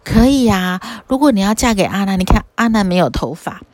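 Woman playing a calm wise teacher. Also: medium pitch, fairly quick, dry recording, natural voice. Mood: patient. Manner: gentle, patient questioning.

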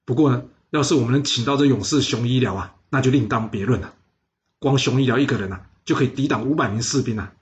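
A man's voice: medium pitch, fast, lightly acted. A man doing a practical loyal retainer. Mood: advising.

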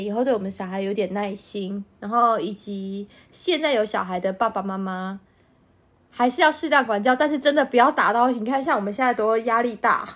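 Woman podcast host, high pitch, giggly storyteller in a casual chat. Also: fairly bright tone. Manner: laughs often while telling family stories.

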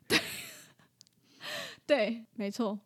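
A woman's voice: a little high, slow pace, slightly rough. A woman who works at an animal hospital, telling a story in a casual chat and laughing often.

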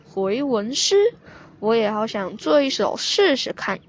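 A woman's voice: on the high side, lively intonation, measured pace. Woman voicing a kindly old grandfather. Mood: delighted.

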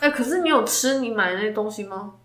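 A woman's voice: medium pitch, fast talker, echoey room. A woman, co-hosting a casual chat and acting out her own stories. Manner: animated storytelling, acts out her own quoted lines. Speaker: podcast co-host.

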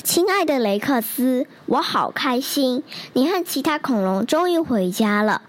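女声演绎的贴心小男孩. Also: female voice, sits high, lively intonation, a little slow. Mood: happy, fond. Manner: affectionate, earnest, simple childlike phrasing. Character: caring little boy writing fondly to dinosaur friend. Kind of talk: storybook character letters read to a toddler.

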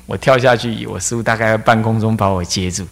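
A man voicing a humble young male disciple who speaks quietly and earnestly. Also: lowish voice, fairly even intonation, fast, gravelly, voice pushed down. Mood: musing.

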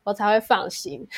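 A woman with a Taiwanese Mandarin accent co-hosting a podcast in casual conversation. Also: a little high. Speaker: podcast co-host.

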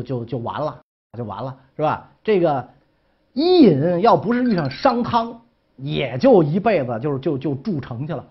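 A man's voice: on the high side, slightly rough, dull audio. A man telling ancient history in a humorous, colloquial way, with frequent asides. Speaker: storyteller.

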